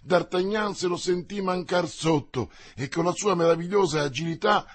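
A man narrating an adventure novel as an audiobook with a steady, measured reading. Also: high voice. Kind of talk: scripted narration.

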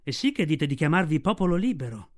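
A loyal panther speaks low and steady, as a male narrator puts him on. The tone stays mild but firm, an audiobook protector. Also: fast.

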